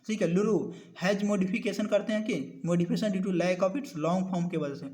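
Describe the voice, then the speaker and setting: A male teacher giving a recorded lecture. He moves between two languages, asks the class questions, and slows right down to dictate definitions. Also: sits high, a little mellow. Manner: explains in a mix of two languages and keeps asking the class questions; ends points with a habitual "okay".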